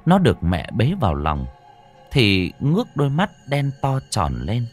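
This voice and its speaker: A man narrating a ghost story in a dramatic style, dropping to a hush and then surging. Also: mid-range voice, wildly swooping pitch, a little slow. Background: faint music.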